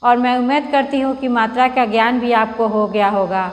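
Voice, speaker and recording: A woman's voice: on the high side, brisk, big-room sound. A woman Hindi teacher giving a children's lesson, patiently sounding out words syllable by syllable and coaxing her pupils along. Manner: coaxing, calls pupils "beta".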